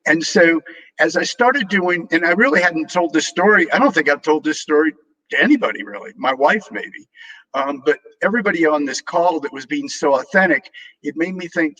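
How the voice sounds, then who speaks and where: An older man from New Orleans speaks on a live video call, his voice sitting a little high and coming across bright and forceful. He talks earnestly, restarting phrases and circling back to simple metaphors, in the manner of an inspirational speaker. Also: rough recording. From New Orleans, USA. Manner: earnest, repeats words, uses homely metaphors. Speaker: guest speaker.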